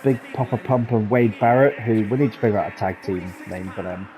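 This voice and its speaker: A man doing casual play-by-play commentary on a wrestling video game, often breaking into high laughter. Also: fairly quick, dark tone, faint music behind, poor audio.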